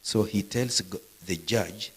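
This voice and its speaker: Man preaching, deep voice, husky tone, asks the crowd questions. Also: slow, rough recording. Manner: lively preacher, quizzes the audience with questions. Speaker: pastor. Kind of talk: live sermon to students. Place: university gathering.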